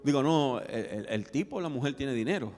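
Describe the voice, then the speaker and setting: A man's voice: medium pitch, normal speed. A man preaching a sermon as pastor, telling stories and questioning the congregation. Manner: animated storytelling, questioning the congregation. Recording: reverberant hall with faint music.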